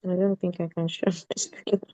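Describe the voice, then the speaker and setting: A woman's voice: lowish voice, little pitch movement, normal speed, dark tone. A woman taking part in an online class, heard through a video call, talking hesitantly and stumbling over her words. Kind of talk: casual back-and-forth during a live tutorial. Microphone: device mic on a video call. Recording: dull lo-fi video call audio.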